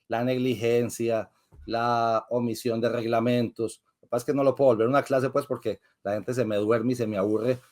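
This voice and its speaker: A man's voice: medium pitch, a little mellow. A man, a lawyer guest in an interview, who explains patiently like a teacher and asks and answers his own questions. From Colombia.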